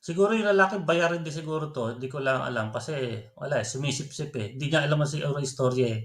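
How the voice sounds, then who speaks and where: A man's voice: a little high, fast. A man talking casually on a livestream, taunting a rival and laughing often. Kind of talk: reaction livestream talk.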